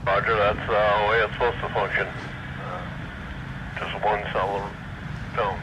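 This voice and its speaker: A man's voice: fairly low pitch, little pitch movement, unhurried. A man acting as net control on an amateur radio net, calling stations in procedural radio style, heard over a two-way radio with static. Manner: procedural, call-sign radio phrasing with fillers. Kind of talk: radio net roll call. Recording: muffled radio audio with loud static.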